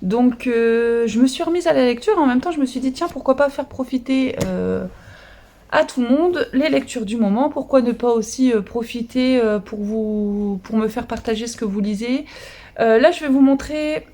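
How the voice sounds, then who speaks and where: A woman vlogger chatting casually about her latest books, hesitant with many pauses and fillers. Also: on the high side, dark tone. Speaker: book vlogger. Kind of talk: casual chat showing books.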